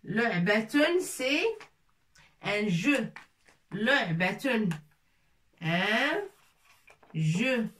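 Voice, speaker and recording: Woman teacher going real slow, repeats every word, sounds a bit far from the mic. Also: fairly high pitch, expressive, a bit bright. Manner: patient, repeats words syllable by syllable. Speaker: Arabic teacher. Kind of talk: slow spelled-out language lesson.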